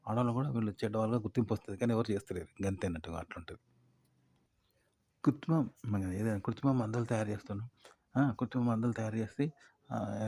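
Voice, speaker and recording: A man's voice: lowish voice, warm tone, dry recording. A man explaining ideas in a casual, rambling monologue, repeating his points through everyday examples. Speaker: YouTube commentator.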